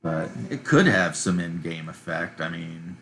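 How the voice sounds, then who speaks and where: Man, very low voice, bright tone, relaxed rambling map-making commentary. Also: measured pace. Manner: relaxed, rambling, thinking aloud. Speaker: map-making streamer for tabletop games. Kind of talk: casual commentary while drawing a map.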